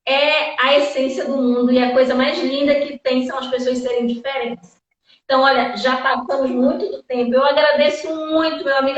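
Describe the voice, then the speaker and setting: A woman hosting a live chat in an effusive, rambling, thankful way, heard from a distance. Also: high-pitched. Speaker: live-stream host. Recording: echoey, distant, dull sound.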